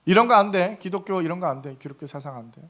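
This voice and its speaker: A man's voice: high voice, expressive, quick pace, fairly bright tone. A male pastor giving a Sunday sermon, preaching with animation and acting out quoted voices.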